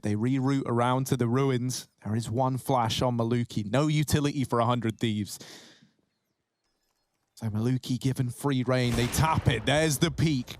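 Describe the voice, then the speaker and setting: A man working as an esports caster, giving excited play-by-play commentary with an emphatic delivery. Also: medium pitch, no room sound, clean studio sound. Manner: rising, emphatic delivery at key moments.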